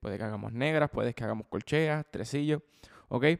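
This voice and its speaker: A man's voice: medium pitch, normal speed, creaky. A man teaching drums on his podcast in a casual, chatty way, often repeating himself and checking in with the listener. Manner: chatty, repeats words and restarts phrases often. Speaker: drum teacher and podcast host. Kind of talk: casual spoken drum lesson. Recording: long hall reverb.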